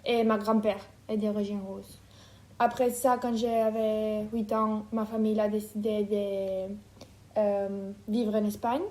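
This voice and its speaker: A woman in her twenties from Ukraine, speaking French, answering interview questions thoughtfully with many pauses. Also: mid-range voice, flat delivery, dark tone. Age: 20s. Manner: hesitant, thoughtful, many fillers. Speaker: interview guest. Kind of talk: casual interview.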